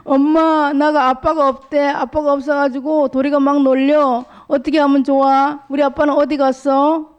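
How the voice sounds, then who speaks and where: A woman voicing an upset little girl in a children's sermon story, speaking in a high, childish, pleading voice. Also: little pitch movement, normal speed, few pauses, highs cut off, natural voice. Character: upset little girl Sora, tearful and insistent.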